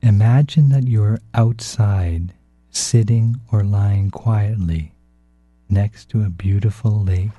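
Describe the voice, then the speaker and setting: A man narrating a guided relaxation in a soft, hushed, calm and unhurried way, as a meditation guide. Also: on the low side, soft background music. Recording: dull, roomy, echoing sound.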